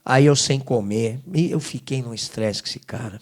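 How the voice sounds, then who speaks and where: A middle-aged man, a guest singer giving an emotional testimony, swinging between loud emphasis and hushed low asides. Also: normal speed.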